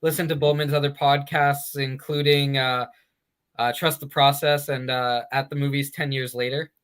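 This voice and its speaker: A man's voice: medium pitch, level tone, moderate pace, fairly bright tone, smooth. A man hosting a sports betting podcast, chatting casually with many fillers and restarts. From Canada. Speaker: sports betting show host.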